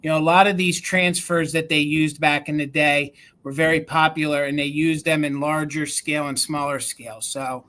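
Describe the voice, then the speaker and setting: A woman's voice: low-pitched, steady tone, normal speed, hardly any pauses, fairly bright tone. Chatty woman hosting a live sale. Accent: regional American. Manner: chatty, describes items and counts down bids. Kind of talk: live auction selling.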